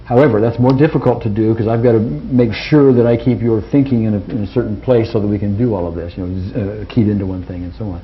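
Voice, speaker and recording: A man working as a therapist, calm and reassuring, guiding a client through softly repeated phrases. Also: lowish voice, quick pace, few pauses. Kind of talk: therapy session, guiding repetition. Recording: dull lo-fi with faint hiss.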